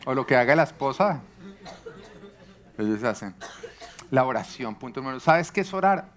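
A man's voice: mid-range voice, normal speed. A man preaching a sermon to a congregation, asking them questions and joking along the way. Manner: lively, asks the congregation questions, jokes.

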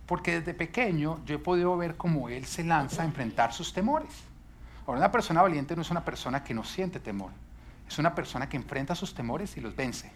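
A man's voice: on the high side, expressive, a little fast, slight background noise. A male pastor preaching a sermon, emphatic and full of rhetorical questions.

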